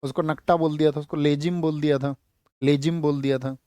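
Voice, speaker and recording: A man's voice: a little high, steady tone, fairly quick, warm tone, no echo, clean studio sound. A man teaching an exam-prep lecture who quizzes his students, answers his own questions and repeats key words so they stick.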